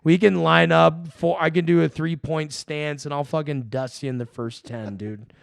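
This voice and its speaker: A man's voice: on the high side, steady tone, moderate pace, vocal fry, no room sound, studio quality. A young man co-hosting a podcast, a little tipsy, rambling and swearing as he tells stories with bursts of laughter. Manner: rambling, profane, laughing storyteller. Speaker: podcast co-host. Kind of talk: casual chat.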